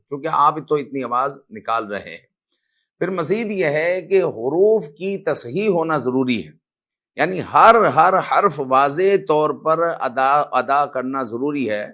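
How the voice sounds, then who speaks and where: A man's voice: mid-range voice, pushed and bright. A man giving a religious lesson, explaining step by step and reciting verses aloud as examples. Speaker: religious teacher.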